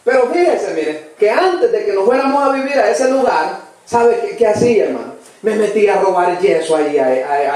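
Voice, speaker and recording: A man preaching a sermon with a Salvadoran accent, earnest and emphatic, calling his listeners brother again and again. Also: very high voice. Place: church hall. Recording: very echoey church, voice from far off the mic.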